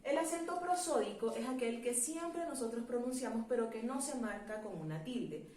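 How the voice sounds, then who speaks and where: A woman teacher explaining a grammar lesson in a clear, measured classroom manner, asking rhetorical questions. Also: fairly high pitch, lively intonation, darkish tone, echoey room, distant mic, slight background noise.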